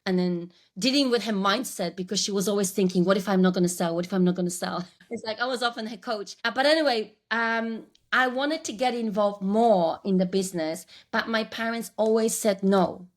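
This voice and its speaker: Brisk and with few pauses, a medium-pitched female voice belongs to a Polish branding coach in her forties. She is a podcast guest who reflects on her career story in a Polish accent, restarting her sentences often.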